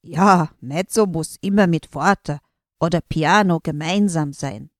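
A woman voicing a cheerful male magician who chants slow rhymes in a loud sing-song. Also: low-pitched, dry recording, studio quality. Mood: explaining.

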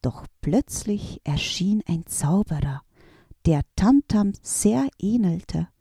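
A woman's voice: mid-range voice, creaky, slightly rough, dry recording, studio quality. A woman reading a children's storybook aloud as the narrator. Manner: slow, lively storytelling.

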